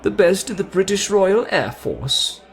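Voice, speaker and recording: Here the show-off character, a playful, boastful young British man teasing the listener in ASMR roleplay, gets a high, gravelly voice with big pitch swings. The delivery is unhurried, fully in character, theatrical and charming.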